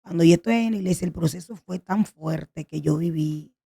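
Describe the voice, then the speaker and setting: Earnest woman with a gravelly voice. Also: on the low side, moderate pace, mellow. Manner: earnest, pleading storytelling. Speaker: guest sharing a testimony. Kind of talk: emotional personal testimony.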